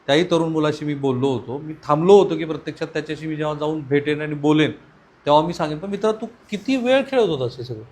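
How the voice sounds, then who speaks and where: A man's voice: a little high, fast, darkish tone. A man interviewing a family on site, asking probing questions and giving earnest commentary. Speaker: interviewer, vlogger.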